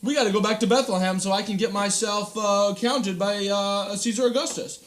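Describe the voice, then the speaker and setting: A man voicing an excitable, earnest young husband who exclaims and pleads in quick bursts. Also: high voice. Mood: excited.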